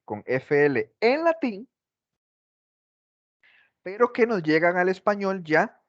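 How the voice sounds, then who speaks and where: A man's voice: medium pitch, no echo. A male teacher giving a class lecture, asking the class questions and repeating his examples, on a dull lo-fi recording.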